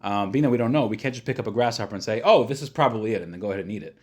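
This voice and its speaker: A man giving an informal lesson as a rabbi, explaining in plain, casual words and often pausing to search for the next one. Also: fairly low pitch, darkish tone. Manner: hesitant, searching for words, thinking aloud; casual, plain-spoken, simplifying. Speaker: rabbi teaching a class.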